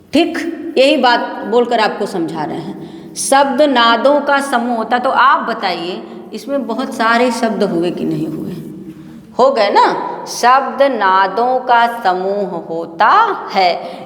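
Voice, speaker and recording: A fairly high-pitched woman teaching a grammar lesson, explaining patiently. She poses questions to the class and answers them herself. Her voice rings through a classroom with a long, echoing reverb. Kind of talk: Sanskrit grammar lecture.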